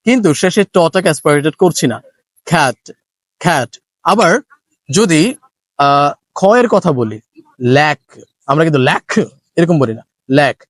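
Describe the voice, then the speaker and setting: A man's voice: a little high, dry recording. A man teaching English pronunciation in Bengali, repeating and contrasting sounds and puffing air on the aspirated ones. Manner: demonstrating sounds with strong puffs of air. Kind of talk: short lesson video.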